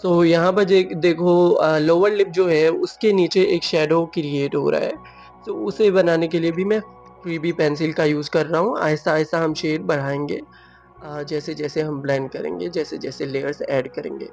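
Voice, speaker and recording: A man's voice: on the high side, fairly even intonation, moderate pace, gravelly, a little mellow, muffled recording, faint music behind. A man narrating a drawing tutorial, switching between Hindi and English with many fillers and restarts.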